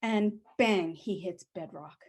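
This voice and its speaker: Animated middle-aged woman telling a story. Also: on the low side, slow. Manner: animated, acts out the voices of people in her story. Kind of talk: spoken personal storytelling.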